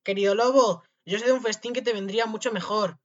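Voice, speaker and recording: A man voicing a tiny clever boy in a storybook, bold and cheeky, often shouting in a high voice on a dull lo-fi recording. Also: expressive, brisk, very echoey, big-room sound, far from the mic. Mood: lively.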